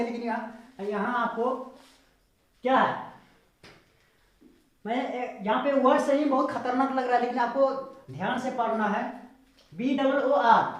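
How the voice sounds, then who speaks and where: Echoey, high-pitched woman teaching pronunciation. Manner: slow, repetitive, spelling words out letter by letter; asks the viewer questions to check understanding. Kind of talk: spoken English lesson explained in Hindi. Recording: very echoey room.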